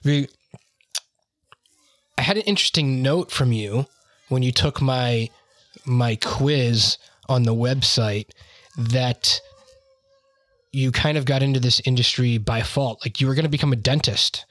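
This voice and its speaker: A podcast host interviewing IT leaders talks in a chatty, rambling way, full of "you know" and "like". His mid-range voice is a little slow and a bit bright, he pauses often, and there's no echo.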